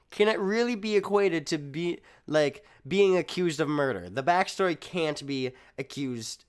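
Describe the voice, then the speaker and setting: A man's voice: a little high, smooth. A man streaming a video game, giving casual commentary with rambling, laughing asides and swearing. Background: game music.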